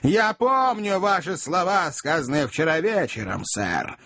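Man doing a jealous angry gentleman, sarcastic, shouting, husky, pitch leaps around. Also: sing-song, measured pace, heavily acted. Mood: furious. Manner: sarcastic, shouting, repeats "sir" menacingly. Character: furious jealous middle-aged gentleman.

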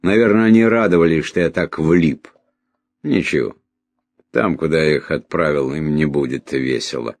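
A man's voice: rumbling low, moderate pace, vocal fry, no room sound, heavily acted. A man voicing a deranged, dying young man who rambles in a raised, agitated voice. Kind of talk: audiobook character voice.

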